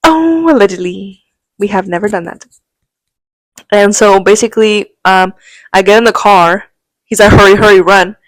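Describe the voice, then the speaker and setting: A woman's voice: mid-range voice, moderate pace, pauses often, no echo. A young adult woman co-hosting a podcast, telling a rambling story and acting out quotes in casual chat. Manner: animated, rambling, acts out quotes, laughs often. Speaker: podcast co-host.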